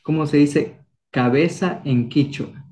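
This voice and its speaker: A man's voice: on the high side, takes it slowly, darkish tone. A young man from Ecuador teaching a language class, coaxing students with encouraging quiz questions. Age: young adult. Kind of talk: online class, quizzing students.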